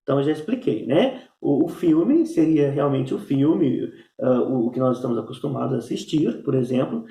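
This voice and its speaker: In a recorded remote lesson from an echoey room, a male teacher from Minas Gerais, Brazil, goes over exercises, leaning heavily on tag questions and fillers. His voice is medium-pitched and warm with some vocal fry, his intonation lively, and his pace moderate.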